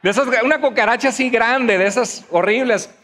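High-voiced pastor, animated and lively. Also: male voice, brisk. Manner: animated storyteller, acts out voices and screams. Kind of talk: sermon. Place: church hall. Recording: long hall reverb.

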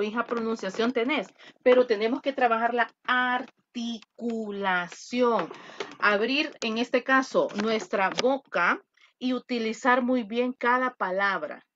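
A woman's voice: fairly high pitch, a bit bright, a little hiss or hum. Woman teaching over muffled call. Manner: affectionate, coaching, explains patiently. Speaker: English teacher. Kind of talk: online class teaching. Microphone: video call. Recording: muffled video call audio.

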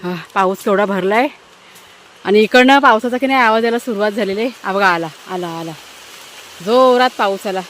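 A woman's voice: medium pitch, moderate pace, fairly bright tone, a little hiss or hum. A woman family vlogger chatting casually to her viewers while she works outdoors in a village garden, talking fondly to her dogs, recorded on a handheld phone.

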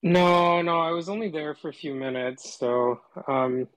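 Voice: mid-range voice, unhurried, a bit bright, dry recording, rough recording. A caller talking through a voice changer that disguises the voice, chatting casually on a call and rambling with lots of fillers. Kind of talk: casual phone chat.

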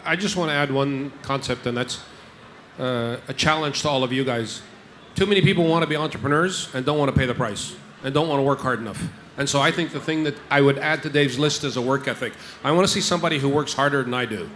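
A man's voice: medium pitch, fast talker, fairly bright tone, slight background noise. Emphatic male investor on a panel. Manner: emphatic, repeats points, checks with "okay?". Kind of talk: panel discussion. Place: stage in a large tent with an audience. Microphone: handheld mic.

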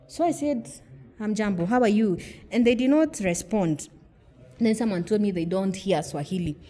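A middle-aged Kenyan woman with a warm, slightly high voice appears as a podcast guest in a conversational interview. She explains earnestly, using examples and rhetorical questions.

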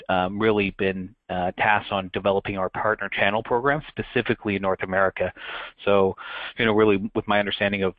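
This Canadian man in his thirties works as a channel account manager and is presenting a business webinar. His voice sits on the low side, and he talks conversationally with frequent fillers and restarts over dry, muffled web-call audio.

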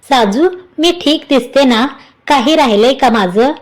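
A woman's voice: high voice, a little slow. A woman voicing a flustered, bashful young newlywed wife who scolds and coaxes her husband in a storybook reading.

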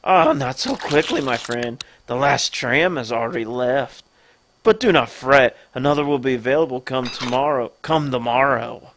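A let's-play narrator voicing a smug, gluttonous male merchant villain in a put-on Southern accent, slow and oily. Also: medium pitch, lively intonation, fairly bright tone, a little hiss or hum, pitched below the performer's own voice.

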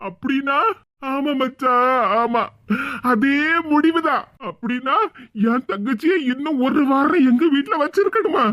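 Cartoon: comic village brothers-in-law, very high, melodramatic banter, Tirunelveli Tamil, lo-fi audio. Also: male voice, measured pace, a bit bright. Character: two bantering young village men, brothers-in-law and friends. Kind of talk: cartoon voice acting. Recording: dull lo-fi sound.

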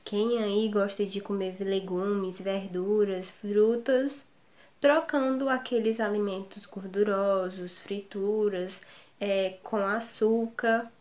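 A Brazilian woman teacher reading syllables aloud slowly and sweetly to small children in a remote lesson. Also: medium pitch, steady tone, darkish tone. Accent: Brazilian Portuguese. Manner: slow, sing-song syllable reading aloud, affectionate. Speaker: kindergarten teacher. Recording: echoey room.

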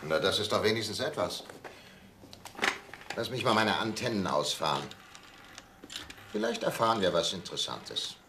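An actor playing a calm, businesslike police detective at an identity lineup. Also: male voice, fairly low pitch, moderate pace, long pauses, very noisy. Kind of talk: 1980s TV crime drama acting.

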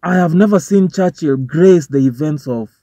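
Here a young Kenyan vlogger with a fairly high pitch and dark tone talks at normal speed from a parked car. He gives informal, profane commentary to camera, trading English for Swahili slang, in a Kenyan accent. Recorded on a dashboard phone or camera, the audio is dull and dry with no echo.

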